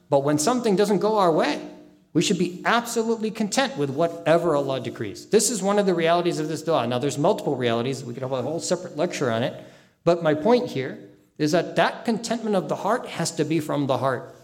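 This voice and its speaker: A man giving an earnest religious lecture, stressing key phrases by slowing down and reciting short Arabic supplications. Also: fairly high pitch, darkish tone. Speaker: Islamic lecturer.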